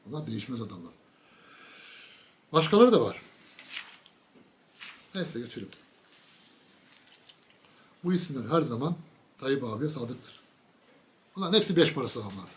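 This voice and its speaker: A man giving a casual political monologue, mocking and ranting, with sudden loud bursts and low asides. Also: big pitch swings, moderate pace, long pauses. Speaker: political commentator.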